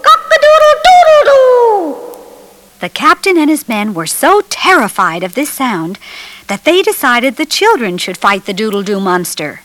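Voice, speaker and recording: A woman's voice: on the high side, noisy background. A woman reading a children's storybook aloud as narrator, telling it expressively.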